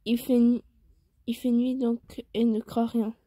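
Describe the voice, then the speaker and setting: A woman's voice: fairly high pitch, flat delivery, unhurried, mellow, dry recording. Playful woman reading fan fiction aloud. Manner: playful, breaks off for jokey asides.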